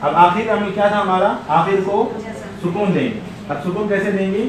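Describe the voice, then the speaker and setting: Higher-voiced man teaching grammar in an echoey room. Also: moderate pace, a crowd in the background. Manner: quizzes students, corrects patiently. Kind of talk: online Arabic grammar class.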